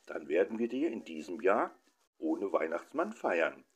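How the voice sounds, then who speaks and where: A man's voice: low-pitched, sing-song, a little slow, breathy edge, highs cut off, full character voice. A man voicing a stern, pompous middle-aged father who lectures his children.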